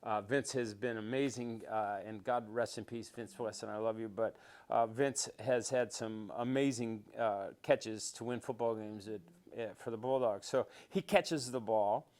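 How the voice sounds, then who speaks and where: Older man, smooth voice, rambling storyteller. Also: fairly low pitch, measured pace. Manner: rambling with many restarts and fillers, grows animated telling stories. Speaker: interview guest, former quarterback. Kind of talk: relaxed storytelling interview.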